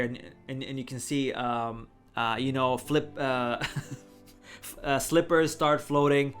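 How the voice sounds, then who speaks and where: A man recounts a mishap in a casual, animated storytelling voice, often laughing and acting out his own reactions. His voice sits a little high for a man. Faint music plays behind him. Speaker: vlogger.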